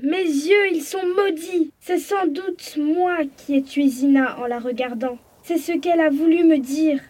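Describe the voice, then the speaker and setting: A woman's voice: high voice, measured pace, darkish tone. The cursed young man Isma. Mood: dismayed. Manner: emotional, exclaiming.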